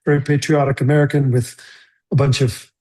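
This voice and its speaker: A man's voice: mid-range voice, flat delivery, warm tone. A middle-aged man from the Netherlands, a screenwriter being interviewed, who talks thoughtfully and often restarts his sentences. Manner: thoughtful, halting with many restarts. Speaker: screenwriter guest. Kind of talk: conversational interview.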